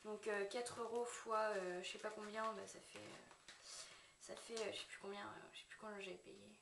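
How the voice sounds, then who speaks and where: A woman's voice: medium pitch, flat delivery, normal speed, gravelly, background noise. Chatty woman vlogging in an echoey room. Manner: chatty, hesitant, with frequent fillers and self-corrections. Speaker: beauty vlogger. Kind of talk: casual product review to camera. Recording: echoey room, mic set at a distance.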